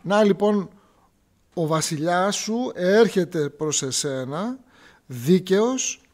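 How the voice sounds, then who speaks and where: A man's voice: high-pitched, expressive, darkish tone. A male priest giving a sermon in church, explaining scripture word by word and repeating key phrases to drive them home.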